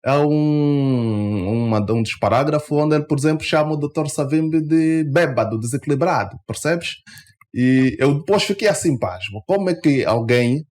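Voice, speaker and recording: A man with an Angolan Portuguese accent, speaking as a guest in a radio studio interview, emphatic and climbing sharply in pitch when he is indignant. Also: animated, a little fast, a little mellow. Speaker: interview guest, party member.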